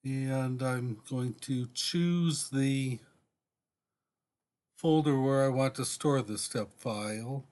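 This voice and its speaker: A man with a mid-range voice presents a step-by-step software demonstration, unscripted and deliberate, often pausing mid-sentence.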